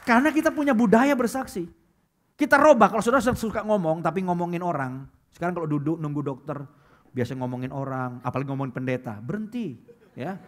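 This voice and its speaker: A male pastor preaching a lively sermon, calling out loudly and dropping to quiet asides. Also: a little high, fast talker, some chatter behind. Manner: lively preaching, swings between loud calls and quiet asides; acts out quoted churchgoers in put-on voices. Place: church hall.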